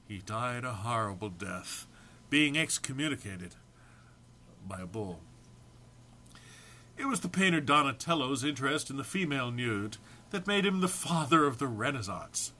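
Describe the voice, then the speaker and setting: This medium-pitched, bright and pushed male voice delivers a dramatic reading of a humorous piece, full of theatrical emphasis. He sounds amused and tends to break into laughter, while faint background noise can be heard.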